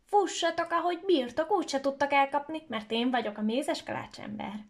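A woman voicing a cheeky, boastful little gingerbread boy who shouts his taunts in a high voice. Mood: taunting.

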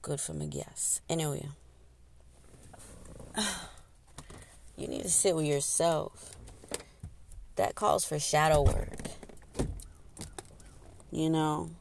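Slow-talking woman with a gravelly voice, swings her pitch all over, dry close mic. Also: background noise. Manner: animated, laughs often, acts out quotes in high voices; eats while talking. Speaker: podcast host. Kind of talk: casual storytelling monologue.

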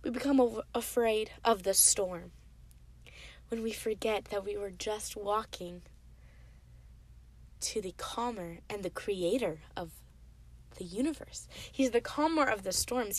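A woman's voice: a little high, takes it slowly. Young woman giving a casual whispery devotional. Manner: casual retelling, slipping into soft whispers.

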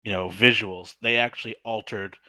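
Bright-voiced man, very dry close sound. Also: on the low side, fairly even intonation, normal speed, no echo. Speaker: podcast co-host. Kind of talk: casual banter.

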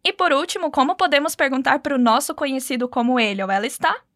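Woman language teacher, bright high voice, dry studio sound, patient and encouraging. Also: fast talker, no room sound. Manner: patient, encouraging, models phrases for repetition. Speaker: Spanish teacher. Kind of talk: language lesson narration.

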